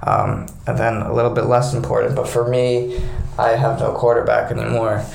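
A man's voice: mid-range voice, monotone, moderate pace, gravelly. A man co-hosting a casual sports podcast, recorded in a small, echoey, bathroom-like room. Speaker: podcast co-host.

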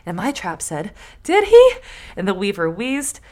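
A woman's voice: mid-range voice, animated, moderate pace. A woman co-hosting a podcast, reading a folktale aloud in casual chat, swearing and laughing as she does the voices. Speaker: podcast co-host.

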